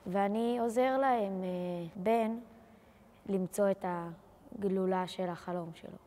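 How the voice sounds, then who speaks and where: A woman actor talking in a relaxed, unhurried way about her role in a behind-the-scenes interview. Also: mid-range voice, long reverb tail. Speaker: actor playing a creature.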